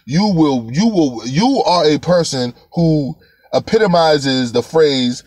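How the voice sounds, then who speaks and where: A man's voice: fairly high pitch, lively intonation, slow, darkish tone, no echo. A man giving casual live-stream commentary in a blunt, profane, mocking way.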